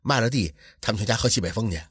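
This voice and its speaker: A shrewd and upright village man from an old folk tale talks low and steady, reasoning patiently, as a storyteller puts him on. His voice is very husky and breathy, heard close and dry. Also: very fast, no echo, full character voice. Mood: earnest.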